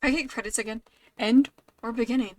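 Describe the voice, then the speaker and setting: A woman's voice: on the high side, fairly quick, no echo. A woman hosting a let's play, chatting casually about the game and reading its narration aloud.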